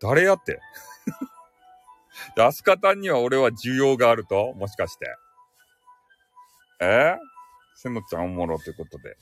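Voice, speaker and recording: A man's voice: medium pitch, expressive, measured pace, pauses often, a bit bright, faint music behind. A man with a Hakata dialect from Fukuoka, hosting a casual live audio stream alone, chatty and self-mocking and laughing often as he reads out listener comments. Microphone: close home microphone.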